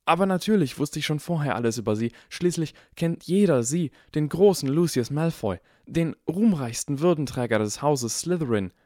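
A man voicing an eager, bookish eleven-year-old boy wizard who talks fast and flatters nervously, in an audiobook. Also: mid-range voice, dry recording, clean studio sound, pitched above the performer's own voice, lightly acted. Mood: flattering. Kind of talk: audiobook character voice.

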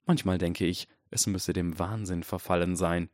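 A man's voice: sits low, steady tone, a little mellow, no echo, studio quality, lightly acted. Lucius Malfoy, a silky cold aristocrat, read by a man. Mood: icy. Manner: icy, measured and menacing.

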